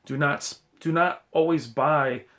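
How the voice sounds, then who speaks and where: A man's voice: a little high, measured pace, a bit bright. Blunt man in a rambling tech vlog. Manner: earnest cautionary advice, addressing viewers directly. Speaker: YouTube tech reviewer. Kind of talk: casual rambling opinion monologue. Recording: faint hiss in recording.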